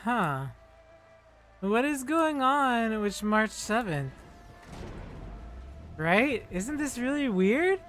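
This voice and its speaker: A game streamer reacts casually to gameplay in muttered asides. The voice is medium in pitch and very unhurried, with faint music behind it. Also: lively intonation, fairly bright tone.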